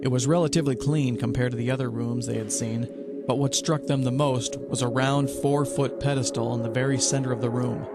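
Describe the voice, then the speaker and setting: A man and podcast host reading a first-person adventure story in a steady, measured storytelling way. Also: mid-range voice, loud music behind the voice.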